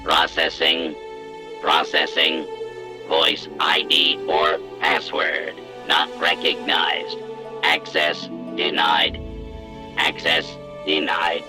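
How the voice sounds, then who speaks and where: A man voicing an automated bank teller computer, giving clipped, monotone system announcements in a flat synthetic computer voice for a video game. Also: a bass voice, slow, pauses often, music in the background, heavily acted. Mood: mechanical.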